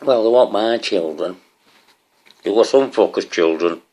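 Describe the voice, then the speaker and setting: A man's voice: lowish voice, moderate pace, darkish tone. A man rambling to his viewers in a swearing, ranting monologue, often asking them questions. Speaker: vlogger.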